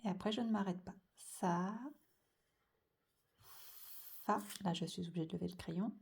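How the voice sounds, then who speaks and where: A woman teacher giving a slow dictation lesson to young children, stretching out each sound and syllable with care. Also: on the low side, creaky, darkish tone.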